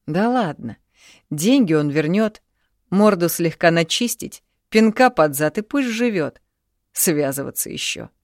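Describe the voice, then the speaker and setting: Woman reading a curt young guy brushing things off, low voice, dry sound. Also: expressive, unhurried, no room sound. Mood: grumbling. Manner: terse, dismissive. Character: young man, cool and curt.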